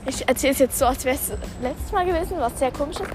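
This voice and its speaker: A young woman talking casually while jogging, recording a rambling, halting podcast monologue in which she often corrects herself. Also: sits high. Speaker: podcast host. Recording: background music bed. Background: background music.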